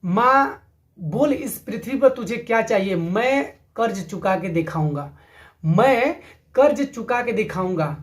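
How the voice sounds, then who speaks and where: A headstrong young son who has come into money, insisting in a spoken moral story, a man speaking his lines. He talks slowly and stubbornly. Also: sits high, animated.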